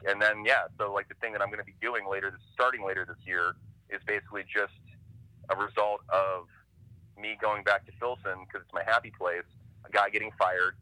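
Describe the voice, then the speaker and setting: A man from Ohio, a comic creator, telling stories as a podcast guest in a quick, animated way with lots of "like". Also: fairly low pitch, no room sound, low-quality recording. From Ohio, USA. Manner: rapid, animated, heavy use of "like". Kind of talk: casual interview storytelling.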